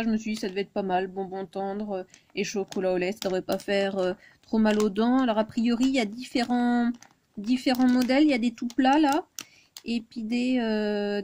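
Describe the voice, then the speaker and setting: A woman's voice: on the high side, darkish tone, slight background noise. A woman chatting casually through a shopping haul video, full of hesitations and fillers. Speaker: YouTuber presenting a shopping haul.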